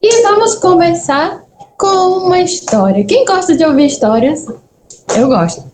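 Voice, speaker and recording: A nurse from Bahia, Brazil and Peru speaks as a guest over a video meeting, her accent mixing Spanish and Brazilian Portuguese as she tells stories in a friendly, chatty way and checks in with listeners. Her extremely high voice is animated yet measured in pace, heard in an echoey room with faint background noise.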